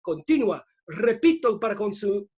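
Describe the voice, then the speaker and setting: A man putting on the voice of a fast-talking, repetitive male radio announcer. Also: very animated, dark tone, breathy edge, muffled recording, heavily acted. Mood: bombastic. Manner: showy announcer patter, raised and higher.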